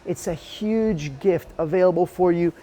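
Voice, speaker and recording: A man's voice: high voice, moderate pace, dark tone. A man presenting a chatty promotional ship tour as an upbeat, joking cruise director with playful emphasis.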